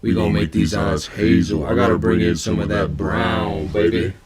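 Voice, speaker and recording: A man talking through a deep pitch-shifted voice changer during playful livestream chat, crooning and tacking "baby" onto his lines. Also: fairly even intonation, moderate pace, over a noisy crowd. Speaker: livestream co-host.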